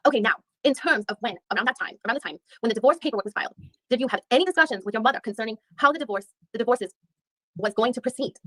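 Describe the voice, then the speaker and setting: In this poor-quality, echo-free recording, a woman with a higher voice reads a female attorney questioning a witness in a legal reenactment. Her delivery is racing, pushed, and bright, probing and methodical, with frequent restarts.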